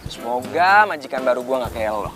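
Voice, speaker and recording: A man's voice: mid-range voice, animated, loud music behind the voice, lightly acted. A young actor with a Jakarta accent playing a blunt, hot-tempered male driver who talks in brash slang. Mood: irritated. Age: young adult. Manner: quick to snap, brash slang.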